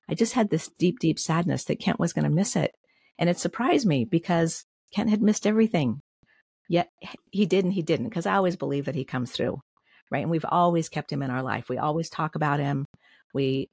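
A woman in her sixties tells a personal story as a podcast guest, candid and heartfelt. Her voice has a gravelly, fry-touched edge. The sound is dry and close, with no room around it. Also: deep voice, no echo. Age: 60s. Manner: heartfelt, warm-hearted with light laughs.

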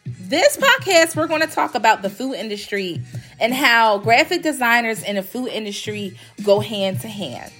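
Her voice sits on the high side, expressive and a bit bright, at normal speed, as this graphic design company owner hosts a casual solo podcast. Congested from recovering from illness, she is chatty and emphatic, repeating phrases for stress, with faint music behind.

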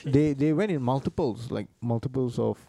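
A man's voice: medium pitch, normal speed, gravelly, dark tone, husky, no room sound. A Singaporean man speaking colloquial Singlish with lah and ah, joking casually as a podcast host. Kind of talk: casual joking group chat.

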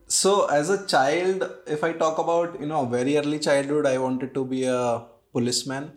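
A man with a North Indian accent and Hindi as his first language, answering casually as an interview guest, haltingly, with many fillers and check-in tags. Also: on the high side, steady tone. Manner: halting, filler-heavy, frequent "you know" and "right?". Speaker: interview guest, startup co-founder.

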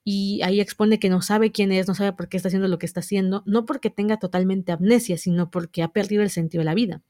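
A woman talks through a story in a loose, chatty way, often pausing to check in with the listener. Her voice sits at an ordinary middle pitch. The sound is dry and close, with no room echo. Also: steady tone, mellow. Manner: chatty, explains with frequent checks like "¿vale?". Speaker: manga reviewer. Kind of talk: casual spoken recap.

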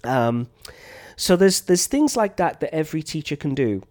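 In this teacher training talk, a male science teacher with a voice on the high side casually explains classroom activities without a script. Ums fill his pauses, he often starts phrases over, and a chest infection leaves him with a slight lingering cough.

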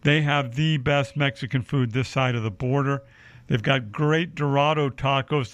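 In a radio studio, a man hosts a live shopping show, chatting as he reads out deals and takes callers, peppering his speech with "uh." His voice is medium-pitched and the recording is dry.

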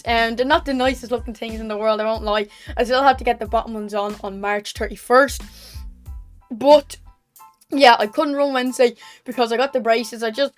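A young woman with an Irish accent giving a casual, chatty, matter-of-fact recap as a running vlogger, often correcting herself. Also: on the high side. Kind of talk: casual training recap to camera.

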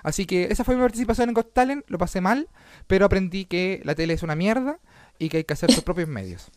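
A Chilean comedian and podcast host telling stories in a casual, swearing, laugh-filled chat. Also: male voice, high voice, fast talker, clean tone, no room sound, studio quality. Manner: swearing, animated, laughs often.

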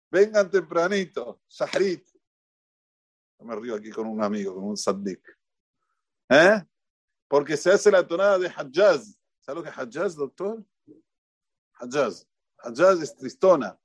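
A man's voice: fairly high pitch, no echo. A man with an Argentine Spanish accent giving an informal Torah talk as a rabbi in a synagogue, joking, quizzing the congregation and repeating points for emphasis. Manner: lively, jokey, questions the audience, repeats for emphasis.

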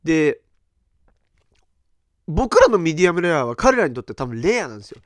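A man's voice: fairly high pitch, a little fast, no room sound, clean studio sound. A middle-aged man hosting a podcast, chatting casually and telling a story in a loose, rambling way, with many fillers and acted-out reactions. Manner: animated storytelling, acting out others' reactions. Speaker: podcast host.

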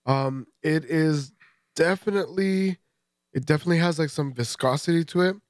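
A man's voice: a little high, normal speed, no echo, clean studio sound. Stuffy-nosed man joking through a beer tasting. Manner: profane, joking, laughs often. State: stuffy, congested. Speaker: podcast co-host. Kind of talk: casual beer-tasting chat.

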